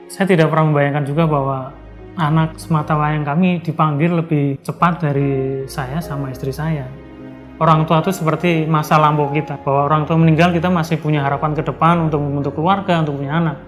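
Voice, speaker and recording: Quick-talking grieving father. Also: on the high side, steady tone, faint music behind. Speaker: bereaved father giving testimony. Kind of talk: testimony interview.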